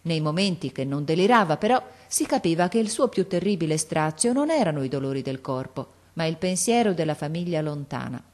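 A woman narrating a classic story in an expressive, measured way. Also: low-pitched. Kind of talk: audiobook narration of a classic novel.

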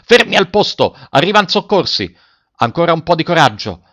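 Man acting as a furious shouting army captain. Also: a little high, very animated, moderate pace, pitched above the performer's own voice. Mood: commanding. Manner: shouting through clenched teeth. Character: furious male army captain barking battle orders. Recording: dull lo-fi dry recording.

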